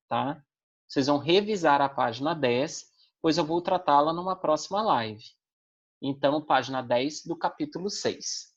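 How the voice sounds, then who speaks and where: A woman with a Brazilian accent gives an online lesson in a low voice. She explains patiently and keeps checking in with short tag questions. The sound is dull and lo-fi. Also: husky. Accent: Brazilian Portuguese. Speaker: Portuguese language teacher. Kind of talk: online class lecture.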